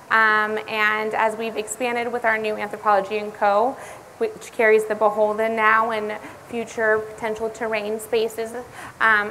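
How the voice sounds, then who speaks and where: Bright, forceful woman store manager. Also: on the high side, a little hiss or hum, rough recording. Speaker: store brand manager on a panel. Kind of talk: panel self-introduction. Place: event hall.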